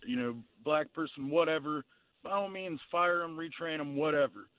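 A man, calling in to a talk show, speaking in a halting, plain-spoken way. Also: on the high side, no echo. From Ohio, United States. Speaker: phone-in caller. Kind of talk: casual call-in debate. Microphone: telephone. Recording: tinny narrow phone line.

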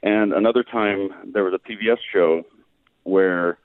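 A low-voiced man comes through a thin, tinny phone line that fades in and out. He is a professor explaining things to a radio host. He speaks patiently, with plenty of "um"s. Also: normal speed, dry recording. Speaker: guest physics professor.

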